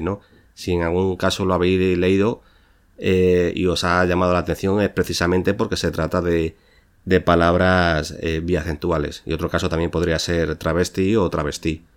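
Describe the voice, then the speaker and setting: A man teaches spelling in a podcast. He talks unscripted and patiently, often stopping and restarting mid-phrase. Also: sits low. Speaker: proofreader giving a podcast lesson.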